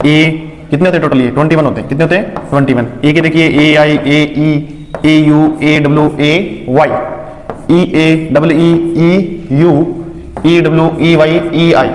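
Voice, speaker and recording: A man teaching English vowel sounds in a phonics lesson, asking questions and answering them himself, spelling words out slowly letter by letter. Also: fairly high pitch, little pitch movement, a little hiss or hum. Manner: asks and answers his own questions. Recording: echoey room with long reverb.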